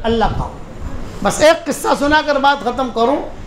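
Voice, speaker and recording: A male preacher with a notably high voice delivers a storytelling sermon, speaking plainly and circling back to repeat his key phrases. The sound is roomy and echoing, with faint traffic noise underneath. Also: animated. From India.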